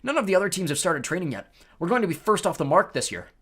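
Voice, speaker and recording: A reader voicing a burly, fanatically keen teenage team captain who talks heartily and briskly. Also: medium pitch, sing-song, breathy edge. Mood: hearty, brisk.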